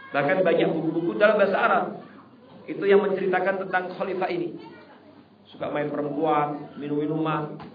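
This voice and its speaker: Animated Indonesian preacher, distant and roomy. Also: male voice, a little hiss or hum. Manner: animated storytelling, shouts quoted pleas at high pitch. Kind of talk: sermon. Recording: roomy, distant, dull lo-fi hall recording.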